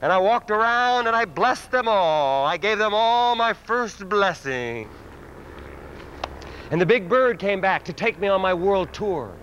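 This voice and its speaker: A man performing an animated comic monologue outdoors in a city park, acting out voices and sound effects, on a dull lo-fi video recording. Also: high voice, unhurried. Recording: dull lo-fi outdoor video with faint street noise.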